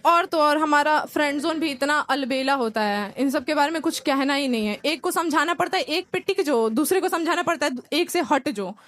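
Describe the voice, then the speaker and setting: A young woman from India, performing stand-up comedy and telling lively stories in which she acts out relatives and friends. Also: high voice, moderate pace, hardly any pauses. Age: young adult.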